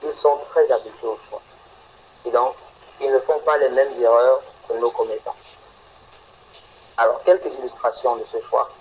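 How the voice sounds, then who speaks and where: A man teaching English phonetics in an online class, slowly and repeating example words deliberately. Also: mid-range voice, steady tone, slight background noise, low-quality recording. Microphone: video call.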